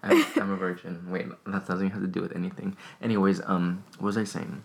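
A young man chatting casually, raspy voice, rambling with many fillers and restarts. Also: deep voice, fairly even intonation, fairly quick. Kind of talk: casual chat.

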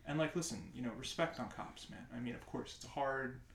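A man from Staten Island co-hosting a casual podcast, talking quickly with lots of fillers and jokes, recorded in an echoey room. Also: mid-range voice, fairly bright tone, a little hiss or hum. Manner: fast, filler-heavy, joking. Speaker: podcast co-host. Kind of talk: casual chat.

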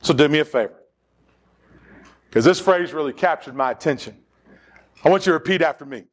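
A man's voice: on the high side, brisk. A man preaching a sermon as pastor in a church, leading the congregation in call-and-response. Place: church sanctuary.

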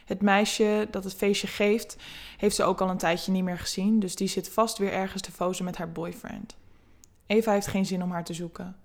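A woman narrating an erotic story in a soft, intimate, unhurried reading voice. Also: mid-range voice, steady tone.

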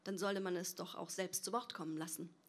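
A woman voicing a brisk, impatient male doctor who speaks curtly and clinically. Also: fairly low pitch, fairly even intonation, voice pushed down. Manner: curt, clinical, interrupting.

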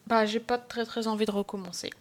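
A woman's voice: on the high side, flat delivery, fairly quick. A woman hosting a podcast, chatting casually about TV series with teasing asides. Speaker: podcast host. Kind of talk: casual chat reviewing TV series.

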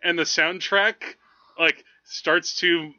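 Rambling eagerly about movies, this podcast co-host explains things casually and peppers his speech with "like." He speaks slowly in a fairly high, pushed, bright voice with fairly even intonation, and the recording has its highs cut off.

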